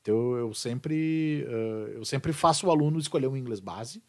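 A man's voice: mid-range voice, normal speed. A man, an English teacher chatting casually and animatedly. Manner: animated, repeats and restarts words. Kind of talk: casual podcast chat.

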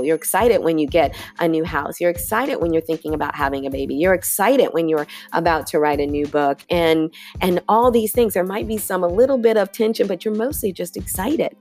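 A podcast host who also teaches yoga speaks reflectively to her listeners in a solo episode, often checking in with "right?" and "y'all." Her voice is fairly low with a darkish tone, and the talk feels conversational.

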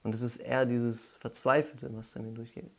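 A man giving a devotional Bible talk, explaining slowly with pauses and correcting himself as he goes. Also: mid-range voice, little pitch movement, gravelly. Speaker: Bible teacher.

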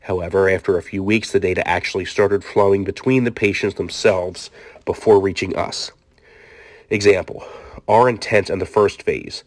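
In a scripted audiobook diary monologue, a man with a low voice and fairly even intonation plays a self-justifying research doctor in his late forties. He reads formally, explaining in a clinical, measured way. The recording is dry.

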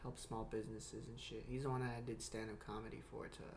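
A man's voice: lowish voice, level tone, quick pace, darkish tone. Noisy recording of a frat-bro male podcaster. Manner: frat bro slang, heavy casual swearing. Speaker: podcast host. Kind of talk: casual chat. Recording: noticeable background noise.

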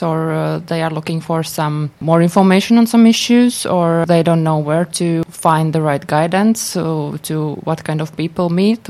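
A woman's voice: lowish voice, darkish tone. A woman with a Latvian accent answering interview questions, speaking hesitantly and often repeating words as she goes. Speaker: interview guest, business consultant for entrepreneurs.

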